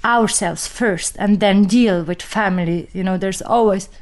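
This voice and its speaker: A woman's voice: mid-range voice, measured pace. Swiss woman speaking candidly. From Switzerland. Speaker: interviewee. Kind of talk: casual interview answers.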